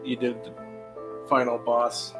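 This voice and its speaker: Woman through a deep pitch-shift voice changer. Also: completely flat delivery, normal speed, music in the background. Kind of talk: casual group voice chat.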